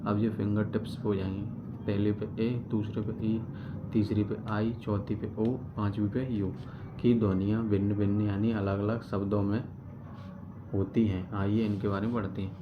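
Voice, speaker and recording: A man's voice: fairly low pitch, level tone, normal speed. A man teaching a grammar lesson, explaining step by step, repeating key terms and answering his own questions. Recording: dull lo-fi recording with background noise.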